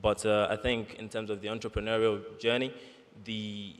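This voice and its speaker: A man from Nigeria, a robotics engineer, demonstrating his robot on a conference panel, halting with many restarts. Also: on the low side, level tone. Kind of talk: live demo and panel talk. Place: large conference hall. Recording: long hall reverb.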